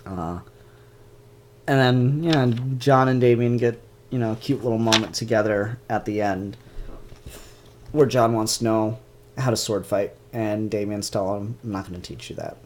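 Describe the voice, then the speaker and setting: A man hosting a casual live-stream comic review, chatty and animated, with a stuffed-up nose. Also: on the low side, a little slow, long pauses, a little hiss or hum. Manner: chatty and animated, mock-grumpy asides. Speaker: comic book reviewer and YouTuber.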